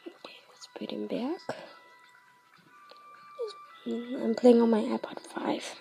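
A woman's voice: a little high, steady tone, takes it slowly, gravelly, dark tone, faint music behind, low-quality recording. A woman giving chatty let's-play commentary on a mobile game, narrating each move and often dropping to a half-whisper.

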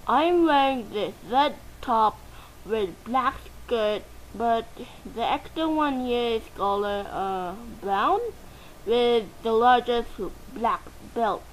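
A woman voicing a cartoon boy cat who hosts a slow, chatty fashion update in a fan-made dub. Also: a little high, a little hiss or hum, poor audio. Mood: upbeat. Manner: slow, chatty host reading shout-outs.

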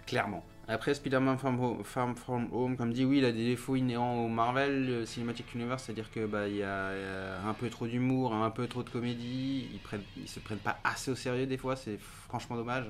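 Man, casual film review, hesitant with fillers, average pitch, soft music behind. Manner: hesitant, many fillers and restarts.

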